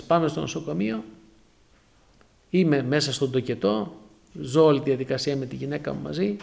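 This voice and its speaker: A man in his forties from Crete, preaching a sermon as he tells a personal testimony, acting out dialogue with lively exclamations. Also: a little high, gravelly. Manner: animated storytelling with acted-out dialogue and exclamations.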